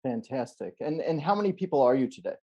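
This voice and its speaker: A middle-aged man hosts a casual video interview with upbeat enthusiasm. His voice is mellow and soft-edged, and he sometimes restarts a phrase. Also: medium pitch, big pitch swings, fast. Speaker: podcast host. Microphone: wired earphones on video call.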